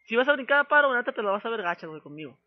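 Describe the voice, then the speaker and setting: A man with a northern Mexican accent and a notably high, sing-song voice speaks fast in thick street slang over very muffled phone audio. Playing a prank caller, he is pushy and threatening and keeps circling back on his phrases. It's recorded from a telephone call.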